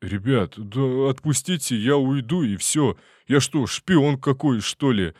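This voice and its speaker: A man's voice: medium pitch, measured pace, a little mellow, no room sound, studio quality, pitched above the performer's own voice, lightly acted. A man voicing a frightened, whining middle-aged trespasser who pleads and stammers to be let go. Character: whiny scared middle-aged male trespasser.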